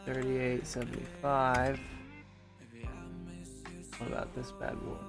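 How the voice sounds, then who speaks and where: This young livestream host speaks slowly at a medium pitch, his delivery completely flat, while music plays in the background. Allergies leave him sounding nasal and stuffed-up as he chats casually in slang.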